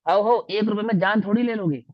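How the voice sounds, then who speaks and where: A man voicing a patient father, gentle, coaxing, higher-pitched man. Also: brisk, dull audio, lightly acted. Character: patient father gently explaining to his son.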